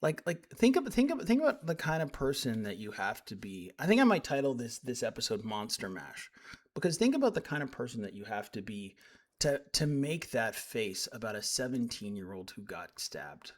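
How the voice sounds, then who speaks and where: A man's voice: mid-range voice, very animated, moderate pace. A man giving live stream commentary as he reacts to clips, indignant and sarcastic, rambling with frequent restarts.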